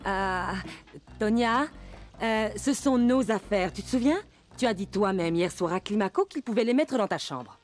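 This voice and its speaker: A woman's voice: medium pitch, expressive, moderate pace, faint music behind, natural voice. A woman voicing a hesitant, apologetic relative in a dubbed drama.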